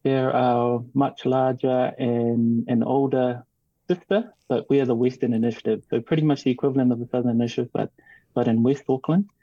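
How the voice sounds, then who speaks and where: Born in New Zealand and partly raised in Tonga, a man speaks as a guest in a casual interview, measured and reflective, with many ums and restarts. His voice is medium-pitched, steady and dark, recorded lo-fi with no echo.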